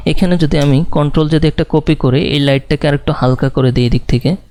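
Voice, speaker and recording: A man teaching a live design tutorial, talking slowly and thinking aloud with many fillers and English words mixed in. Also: a little high, steady tone, warm tone.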